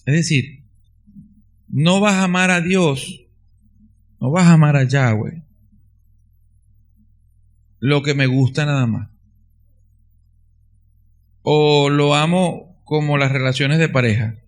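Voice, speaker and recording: A man's voice: a little high, slow pace, pauses often. A man preaching a sermon, earnest and emphatic, repeating key phrases for stress.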